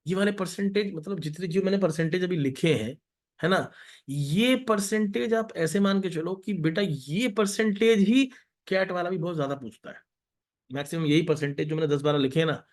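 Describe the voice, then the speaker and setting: Coaxing Indian math teacher, higher voice. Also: male voice, normal speed. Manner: coaxing, repeats instructions to students. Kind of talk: live online math class.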